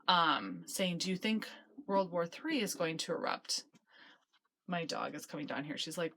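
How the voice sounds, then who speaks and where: Female vlogger, lowish voice, chatty and self-deprecating, confessional phone-recorded delivery. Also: bright, forceful tone. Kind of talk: casual confessional vlog, talking to camera. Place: small root cellar closet in a basement. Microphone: handheld phone.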